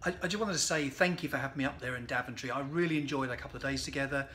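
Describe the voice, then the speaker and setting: Racing through a punchy motivational message, a sales speaker in his fifties addresses the camera from a sunny conservatory via phone or webcam. His voice is medium-pitched and energetic, with slight background noise.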